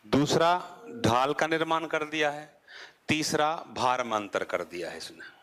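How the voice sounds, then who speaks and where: A male teacher giving a classroom geography lecture. He keeps asking the class rhetorical questions and then answers them, and his pitch drops as he closes off each point. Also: expressive, unhurried, a bit bright.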